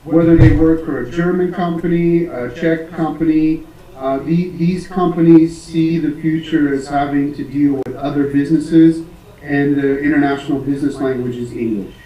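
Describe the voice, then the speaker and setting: An American man who teaches English, answering interview questions casually with many pauses, fillers and restarts. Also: a little high, warm tone, echoey room, far from the mic, low-quality recording. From United States.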